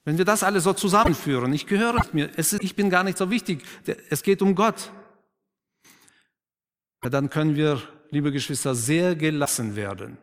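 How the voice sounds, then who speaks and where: Male preacher, a touch high-pitched, interactive sermon, softens for emphasis; church hall reverb. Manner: asks the congregation questions and affirms their answers; slows and drops to a quiet, emphatic tone for key points.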